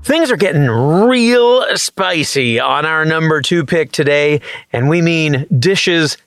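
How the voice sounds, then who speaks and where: Peppy high-voiced male show host. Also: lively intonation, takes it slowly, music in the background. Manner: upbeat, playful promo delivery. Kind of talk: scripted TV recommendation presenting.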